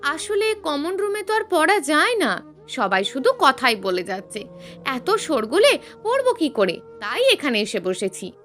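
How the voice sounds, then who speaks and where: A woman's voice: high voice, big pitch swings, unhurried, faint music behind, full character voice. Woman voicing a shy, meek college boy. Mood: gentle. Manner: meek, soft-spoken, formal. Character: shy polite young male college student.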